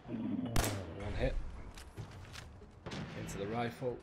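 A man's voice: fairly low pitch, fairly even intonation, extremely slow. A man giving casual gameplay commentary, informal and sweary, thinking aloud as he goes. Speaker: gaming video host. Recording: clearly noisy background with clicks.

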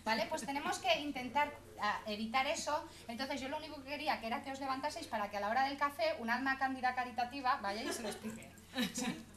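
A woman's voice: high voice, fast talker, fairly bright tone. A woman giving a chatty, teasing conference talk, constantly checking in with her audience. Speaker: conference presenter. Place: conference hall. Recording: echoey conference hall, faint hum.

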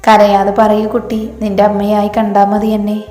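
A woman voicing a gentle, consoling older mother figure in a storybook tale, in an echoey hall with faint music. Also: mid-range voice, monotone, moderate pace, natural voice. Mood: soothing. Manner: soothing, consoling.

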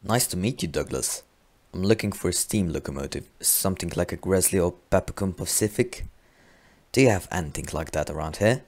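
Measured, courteous railway boss, played by a man, deep pitch, amateur drama. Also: lively intonation, darkish tone. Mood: polite, businesslike. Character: polite, measured male railway manager. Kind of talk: amateur train drama acting.

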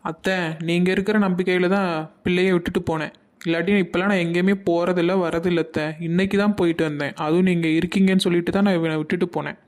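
A woman's voice: on the low side, fairly even intonation, quick pace, a little mellow, lightly acted. A woman voicing a young mother and daughter-in-law in a cartoon, apologetic. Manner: apologetic, pleading. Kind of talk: cartoon voice acting.

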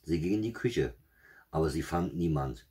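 A man with a husky voice reading a fairy tale aloud in a steady, measured way. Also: a bass voice. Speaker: storyteller.

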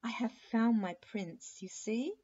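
An eager, cheerful little princess, as a woman reading a storybook puts her on. She gushes in a raised, husky voice that sits high above the reader's own. It comes through on a dull, lo-fi recording. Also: a little slow. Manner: bright, gushing, high and loud.

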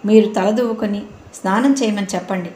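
Calm nice guy reassuring a worried family, storybook, woman reading, echoey room. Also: medium pitch, fairly quick, close to an everyday voice. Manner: soothing, reassuring. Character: kind, calm middle-aged man, helpful friend. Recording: roomy room, faint noise.

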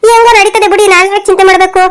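Voiced by a woman, a scheming older mother-in-law from a cartoon speaks in a very high, shrill voice and races through her words. She is sly and scolding, always plotting behind the family's back. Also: steady tone, rapid-fire. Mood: dismissive.

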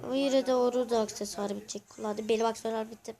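A host giving live gameplay commentary to viewers, excitable and crying out when losing, asking for likes and subscribes. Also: medium pitch, fast. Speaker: gaming channel host.

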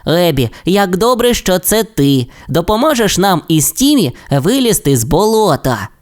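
A cautious young rex who sighs and hesitates, as a man voices him in an audio tale. The voice is lifted a little and swings in pitch. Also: sing-song, unhurried. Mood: hesitant. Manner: hesitant, sighing. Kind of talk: storybook voice acting.

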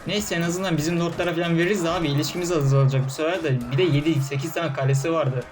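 A young man gives casual gameplay commentary in a slightly high, fairly even voice, talking rapid-fire over soft background music. He often gets frustrated, swearing and shouting orders at his in-game troops.

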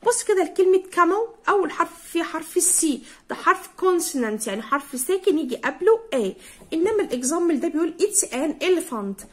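In a very high-pitched, sing-song voice, a young woman with an Egyptian Arabic accent teaches primary school English. She goes slowly, repeating words as drills and spelling each letter aloud.

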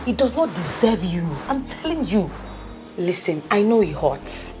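A woman with a Nigerian accent plays a bossy, loyal young friend in a naturalistic film drama, speaking emphatically in Pidgin slang. Her medium-pitched voice is very animated and unhurried, firm yet consoling, heard over music.

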